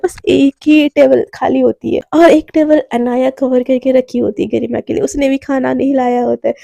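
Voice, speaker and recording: A woman's voice: sits high, creaky, mellow, dry recording. A woman telling a story in a casual, chatty way with many fillers.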